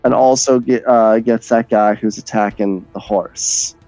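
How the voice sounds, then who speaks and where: A man's voice: fairly low pitch, fairly even intonation, measured pace, warm tone, no echo, faint music behind, rough recording. A man playing a tabletop role-playing game, talking through his spell and its rules with a wry edge. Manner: wry, explains rules at length. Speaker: player. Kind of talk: casual tabletop game talk.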